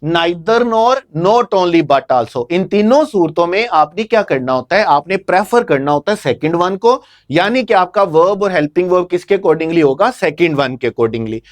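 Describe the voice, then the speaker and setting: A man's voice: sits high, lively intonation. A male teacher with a Pakistani Urdu accent going through exam answers, who asks his own questions and answers them and calls the students "bete". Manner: calls students "bete", reads English options slowly. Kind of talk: exam answer discussion lesson.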